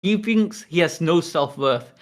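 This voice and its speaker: A man hosting a livestream, chatting casually and reading along, excitable, repeating himself and stumbling over words. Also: a little high, unhurried. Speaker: livestream host. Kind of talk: casual chat and manga read-along.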